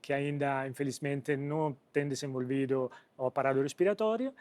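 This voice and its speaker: A company president from Italy, speaking as an interview guest in an Italian accent, gives halting answers on business and often pauses to find words. His mid-range voice is a little mellow, with no room sound.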